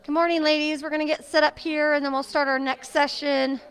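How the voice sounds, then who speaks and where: Before class in an exercise room at a seniors' center, a middle-aged woman who teaches fitness makes casual conversation through a face mask that muffles her voice. Her voice is high and fairly bright, brisk, with a level tone, and she comes across as chatty and friendly, laughing often.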